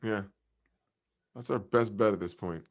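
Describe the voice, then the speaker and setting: A man's voice: on the low side, measured pace, vocal fry. A man co-hosting a show, making crude laughing commentary on video chat strangers. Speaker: podcast co-host. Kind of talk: crude casual banter.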